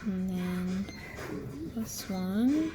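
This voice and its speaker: A woman's voice: medium pitch, expressive, very slow, music in the background. A congested woman chatting through step-by-step instructions in a casual tutorial, with frequent ums. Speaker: craft tutorial host. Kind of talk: casual screen-share tutorial.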